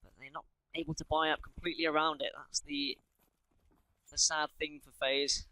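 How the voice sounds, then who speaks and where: A man with a West Country English accent giving fast play-by-play esports commentary with jokey asides. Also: fairly high pitch, flat delivery, bright, forceful tone, no echo, low-quality recording.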